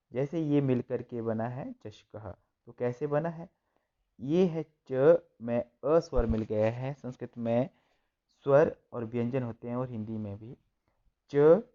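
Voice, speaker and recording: A man's voice: medium pitch, mellow, muffled recording. A man teaching a school textbook lesson, reading each line and then translating and repeating it.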